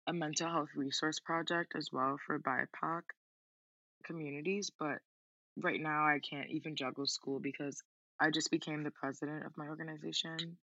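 Young female podcast guest, bright forceful voice, dry sound, casual and peppered with "like". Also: deep voice, fairly even intonation, moderate pace, no room sound, muffled recording. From Queens, New York, United States. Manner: informal, frequent "like" as filler. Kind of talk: casual interview chat.

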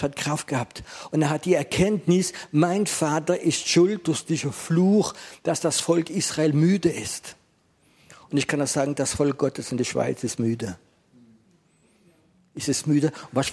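A man's voice: a little high, a little mellow, husky. A man preaching a sermon, asking the listener questions and repeating phrases for emphasis.

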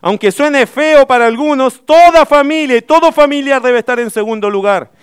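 Emphatic high-voiced pastor. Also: male voice, moderate pace, smooth, dry recording, clean studio sound. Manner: emphatic preaching with rhetorical questions. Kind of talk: sermon.

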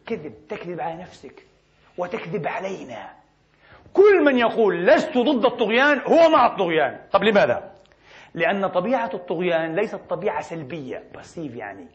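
A man's voice: high-pitched, highs cut off. A man preaching a fiery sermon in a mosque, firing off rhetorical questions and swearing oaths. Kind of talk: impassioned Friday sermon.

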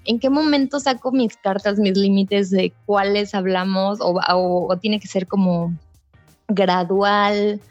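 A woman's voice: medium pitch, steady tone, slow, dry recording, faint music behind. A woman co-hosting a podcast, thinking aloud in casual chat. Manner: thinks aloud with many fillers and restarts. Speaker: podcast co-host. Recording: dry, slightly muffled sound.

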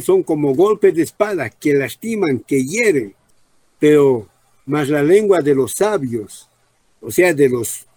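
A man preaching a Bible study sermon, repeating key phrases, slowing down on emphasized words and asking the congregation questions. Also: on the high side, a little mellow, breathy edge, dry recording.

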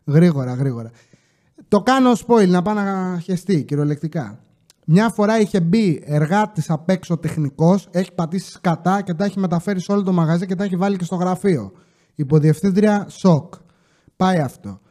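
A man telling comic stories from his casino job in a loose, slangy, joking way, with coughs and quick asides. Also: sits high, animated, mellow. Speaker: podcast host telling casino work stories. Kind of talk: casual storytelling monologue.

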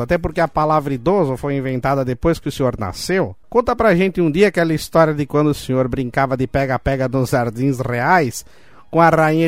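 A man's voice: a little high, dry recording, close to an everyday voice. A man with a Brazilian accent voicing a cranky old uncle who insists he is still young, grumbling, indignant and swearing often in a comic advice segment.

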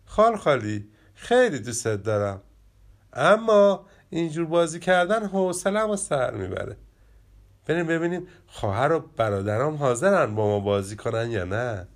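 A man voicing an eager young rabbit child in a children's storybook, in a lively reading voice. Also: medium pitch. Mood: wistful.

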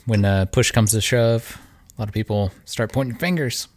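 Very deep-voiced laid-back man. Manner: laid-back, halting with many fillers. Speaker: podcast co-host. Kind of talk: casual chat.

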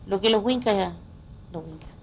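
Woman guest singer on radio, mid-pitched and thoughtful, explains patiently. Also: normal speed, slight background noise. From Chile. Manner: explanatory, reflective, frequent "¿no?" tags. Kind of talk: radio interview.

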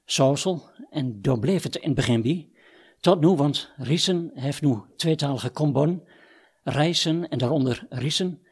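Raspy-voiced man with a Twente accent. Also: a little high, unhurried, darkish tone. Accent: Twente Dutch. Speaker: interviewer. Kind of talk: conversational interview.

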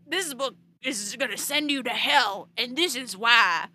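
A woman putting on a loud Southern man. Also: fairly high pitch, measured pace, a little hiss or hum, pitched above the performer's own voice. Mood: preachy. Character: ranting Southern man, an online reviewer.

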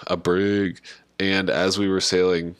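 Deep-voiced man in natural, unscripted chat. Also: level tone, takes it slowly, smooth, no echo. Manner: jokey, self-mocking. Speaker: podcast co-host.

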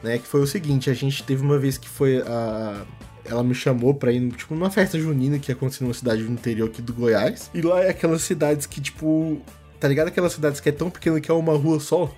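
A man's voice: mid-range voice, fast, mellow, faint music behind. A young man from Brazil, telling a long personal story in a rambling, casual way on a podcast. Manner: rambling, fillers like "mano" and "tá ligado". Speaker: podcast co-host.

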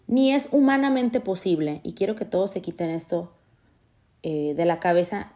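A woman with a Mexican accent talking casually to her viewers about feelings, lively acting out the thoughts she quotes. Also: lowish voice. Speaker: vlogger. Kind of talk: casual talk to camera about emotions.

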